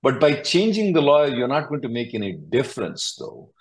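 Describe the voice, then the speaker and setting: Speaking at a moderate pace in a very animated mid-range voice, an immigration attorney hosts a call-in advice show. He fields callers' questions bluntly, cutting in on them and frequently saying things more than once.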